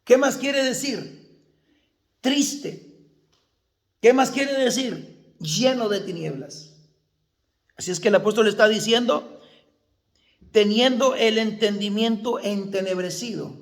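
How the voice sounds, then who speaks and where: A man's voice: very high-pitched, lively intonation, takes it slowly, pauses often, roomy sound. A male pastor preaching a sermon, asking the congregation questions and answering them himself.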